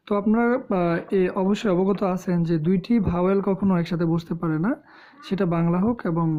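A woman with a Bangladeshi Bengali accent teaching English pronunciation, explaining slowly with pauses and fillers. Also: on the low side. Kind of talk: spoken lesson. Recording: dull lo-fi sound.

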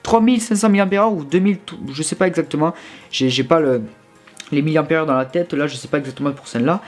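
Young male tech vlogger, slightly high voice, informal gadget review. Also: fast talker, soft background music. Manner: chatty, informal, with many fillers and restarts. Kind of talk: casual product review. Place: his bedroom.

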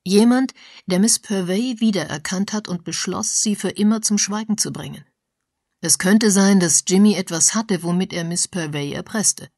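A woman voicing an insistent male investigator with a raised, urgent delivery and a husky, gravelly voice. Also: sits high, normal speed, a little mellow, no room sound, clean studio sound.

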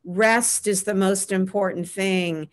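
Over a webcam in a small room at home, a middle-aged woman answers questions on a video call panel, giving earnest advice. Her voice sits at a medium pitch with a steady tone, and she pauses often with "um."

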